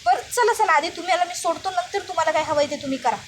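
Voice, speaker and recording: A woman's voice: extremely high pitch, rapid-fire, slight background noise. A woman voicing an eager, obliging young husband offering to help.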